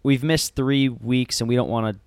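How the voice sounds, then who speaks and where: A man of average pitch co-hosts a casual sports podcast. He jokes and teases his partner. His voice sounds dry and close. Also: fairly even intonation, normal speed, clean tone, dry recording. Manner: joking, teasing. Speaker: podcast co-host.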